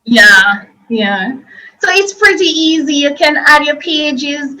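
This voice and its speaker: Bright-voiced woman giving a chatty workshop. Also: sits high, slow, rough recording. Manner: chatty, explanatory, loose and repetitive phrasing. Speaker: workshop presenter. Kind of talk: informal online workshop talk.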